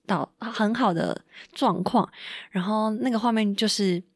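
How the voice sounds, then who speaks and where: A woman's voice: mid-range voice, unhurried, slightly rough, no echo, studio quality. A woman telling a personal story on a podcast, emotional and full of fillers and quoted dialogue. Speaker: podcast guest. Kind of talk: casual storytelling.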